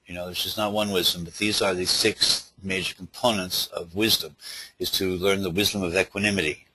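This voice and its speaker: A man with a lisp giving an informal spoken teaching in a halting, loosely worded way, as a Buddhist teacher. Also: low-pitched, little pitch movement, bright, forceful tone, a little hiss or hum, rough recording. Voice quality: lisp from dental problems.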